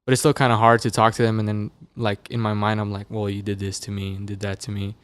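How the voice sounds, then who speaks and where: A man's voice: on the low side, quick pace, clean tone. A young man from Las Vegas, a musician guest on a podcast, telling stories loosely with lots of fillers. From Las Vegas, USA. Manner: relaxed, loose, filler-heavy storytelling. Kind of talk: casual interview chat. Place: podcast studio. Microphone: dynamic studio mic.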